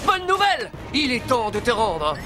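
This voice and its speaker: A man's voice: extremely high pitch, huge pitch swings, normal speed, music in the background, exaggerated voice. A man voicing a self-assured, smug teenage boy TV star in a cartoon. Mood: heroic. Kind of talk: French anime-style dubbing.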